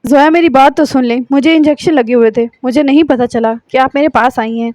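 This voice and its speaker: An earnest young man pleads and later snaps curtly, as a woman reads him aloud from a novel. The voice sits high and light. The sound is dry and close. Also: darkish tone, dry recording, lightly acted. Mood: pleading. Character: young man, pleading, then curt and harsh. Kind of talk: audiobook novel reading.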